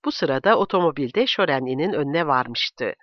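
A man reading a novel aloud as narrator in a steady, measured way. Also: a little high, no room sound. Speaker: audiobook reader. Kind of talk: scripted narration. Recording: dull, dry recording.

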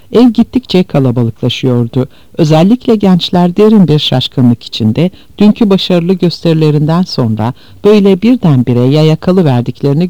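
A man giving a measured, grave scripted narration of a memoir as an audiobook reader. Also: on the high side, dark tone, dry recording, highs cut off.

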